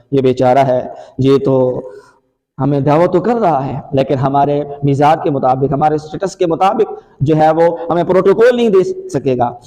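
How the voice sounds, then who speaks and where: Male preacher, mellow high-ish voice, slow deliberate sermon, long hall echo. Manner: measured, drawn-out emphasis with Arabic recitation. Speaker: mufti preacher. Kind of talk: religious sermon.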